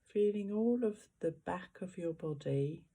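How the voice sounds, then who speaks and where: This meditation guide has a very dark, relaxed timbre in the mid range, speaking slowly and gently with generous pauses separating each phrase.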